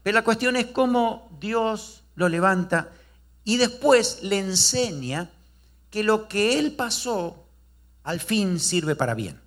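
Speaking slowly in a high-sitting voice, a pastor delivers a sermon built around a story. His delivery is animated, and he poses rhetorical questions to his congregation.

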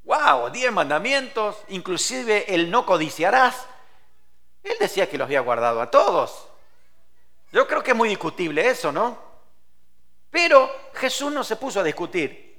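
A man's voice: normal speed, pauses often. A man preaching a sermon, swinging his voice up and down and acting out scripture dialogue as he tells it. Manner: expressive preaching with wide swings in pitch and loudness; quotes and acts out scripture dialogue.

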